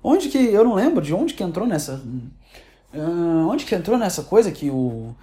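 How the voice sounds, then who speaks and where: Brief: Brazilian woman, casual sarcastic commentary, rambling restarts, warm dark tone. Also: lowish voice, very animated, normal speed. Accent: Brazilian Portuguese. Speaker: online commentator. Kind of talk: casual opinion rant.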